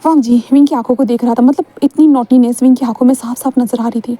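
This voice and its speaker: A woman's voice: fairly high pitch, steady tone, fast, warm tone. A woman narrating a fan fiction story in a chatty, repetitive way, mixing in English words.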